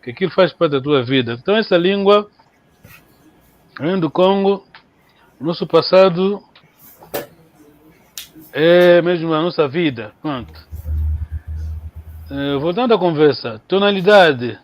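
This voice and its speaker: A man's voice: a little high, animated, measured pace, long pauses, highs cut off. A man teaching a language in a live online lesson, chatty and coaxing, repeating words for students to practise.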